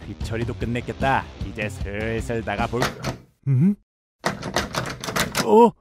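An actor playing a boastful, panicky self-styled survival expert in a cartoon, self-important and melodramatic. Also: male voice, mid-range voice, big pitch swings, slow pace, music in the background. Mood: smug. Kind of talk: dramatic cartoon comedy acting with monologue.

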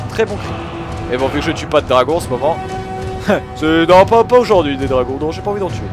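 Excitable gamer, lively high voice. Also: male voice, fast talker, over music. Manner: excitable, swears, shouts at the game. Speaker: gaming video host. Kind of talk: casual gameplay commentary.

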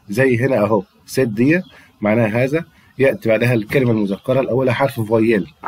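This French grammar lesson comes from a man with an Egyptian Arabic accent, who patiently repeats words for students to drill. His voice is husky and medium in pitch, with a darkish tone.

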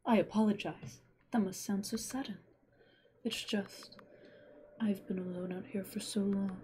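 A woman voicing a lonely, motherly witch in a gentle half-whispered voice, as whispered role-play. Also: medium pitch, steady tone, measured pace, slight background noise, close to an everyday voice. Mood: tender.

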